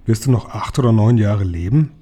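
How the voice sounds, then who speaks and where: A man reading the lines of a young boy who has become a mouse, voiced a little higher and livelier in an audiobook. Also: a little fast, mellow, lightly acted. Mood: eager. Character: young boy turned into a mouse, eager and affectionate.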